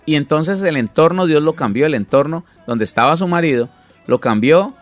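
A man's voice: a little high, expressive, normal speed, soft background music. A middle-aged man, a pastor, earnestly explaining Bible teaching in conversation with many restarts.

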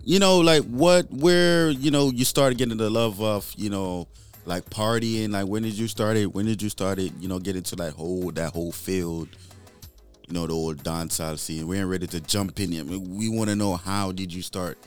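A man's voice: sits low, steady tone, normal speed, smooth, soft background music. A man with a New Jersey accent hosting a casual podcast interview, loose and profane, full of fillers and repeats. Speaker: podcast host.

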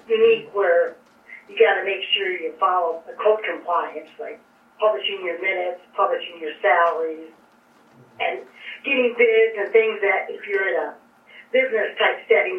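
A woman's voice: on the low side, normal speed, distant mic. A woman auditor heard over a speakerphone, giving an informal, chatty presentation to a council, full of fillers and restarts. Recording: tinny speakerphone in an echoey room.

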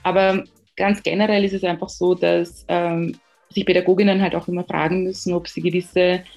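A woman from Ghana, a guest answering interview questions in a measured, thoughtful way with frequent pauses to find words. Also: lowish voice, flat delivery, vocal fry, a little mellow, highs cut off, soft background music. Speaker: guest, education researcher.

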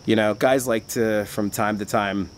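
A man who works at a bar chats casually in a lowish, steady, unhurried voice, with slight background noise. His talk rambles, full of filler words and frequent restarts.

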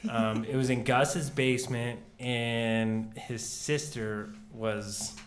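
A young man in casual podcast chat with his partner, relaxed and laughing often, swearing freely. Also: mid-range voice, slow pace, slight background noise. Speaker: podcast co-host.

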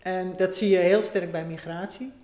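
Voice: mid-range voice, steady tone, moderate pace, a little mellow. Thoughtful guest in a roomy echo. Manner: thoughtful, explanatory, with frequent restarts. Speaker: interview guest, essayist. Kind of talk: conversational interview.

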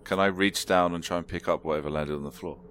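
A man with an extremely deep voice sitting in on an online game, dropping deadpan jokes and calling out his dice rolls. A steady noise floor runs under everything he says. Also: fast talker. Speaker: player. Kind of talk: casual tabletop play.

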